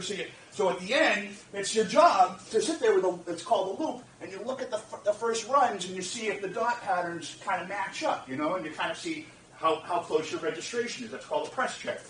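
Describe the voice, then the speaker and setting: Guest speaker, man in his 40s, chatty and rambling, slightly high voice, captured from afar. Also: fairly bright tone. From Boston area, USA. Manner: chatty and rambling, with restarts and asides to the audience. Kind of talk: informal talk to students. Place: lecture room. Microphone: far 360 camera. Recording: echoey room, distant mic, faint background hum.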